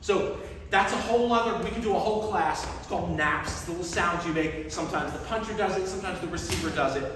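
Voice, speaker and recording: A man's voice: high-pitched, quick pace, fairly bright tone, a little hiss or hum. A man teaching a hands-on workshop to a group, explaining step by step and checking that they follow. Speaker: stage combat instructor. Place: large echoey indoor hall. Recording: very echoey hall, distant microphone.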